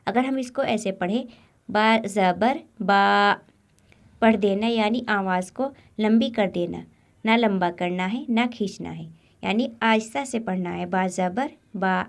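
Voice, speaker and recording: A woman, teaching a Quran recitation lesson step by step and sounding out syllables slowly. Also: mid-range voice, gravelly. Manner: slow, drawn-out demonstration of letter sounds.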